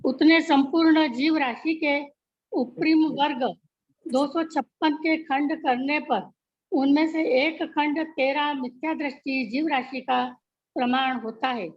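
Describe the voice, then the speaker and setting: A woman student reading a text aloud in class, steady and careful. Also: sits high, takes it slowly, muffled recording.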